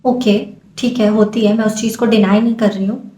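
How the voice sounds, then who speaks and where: A woman's voice: medium pitch, steady tone, brisk, warm tone, reverberant. A young woman from India speaking earnestly and emotionally to camera, pleading at times as she vlogs. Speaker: vlogger. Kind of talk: impassioned talk to camera.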